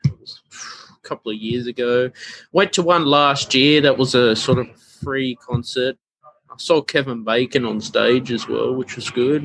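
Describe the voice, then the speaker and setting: Podcast sunucusu bir erkek; rahat ve duraksayarak konuşuyor, kuru ve yankısız bir kayıt. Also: male voice, medium pitch, fairly bright tone, no room sound. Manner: laid-back, halting, many fillers and murmured agreement. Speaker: podcast host. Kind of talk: casual podcast chat.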